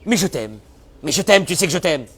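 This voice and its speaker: A man giving a sermon as a rabbi, animated, often acting out the voices of people who complain. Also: fairly high pitch, brisk, husky.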